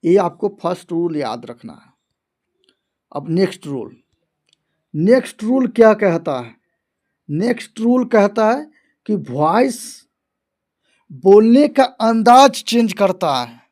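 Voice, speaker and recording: A man teaching English grammar in an online lesson, going over each point again and again and reading his example sentences out slowly, word by word. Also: high-pitched, sing-song, a little mellow.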